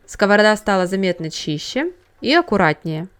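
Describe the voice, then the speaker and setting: A woman giving a calm, step-by-step scripted voice-over on cleaning a pan. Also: mid-range voice, a little fast, clear, resonant tone, soft background music. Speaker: home cleaning tips host.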